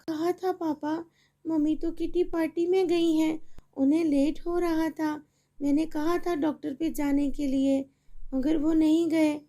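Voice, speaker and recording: A woman voicing a meek schoolgirl daughter who asks politely in a soft, pleading way. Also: high voice, level tone, a little slow, pitched above the performer's own voice.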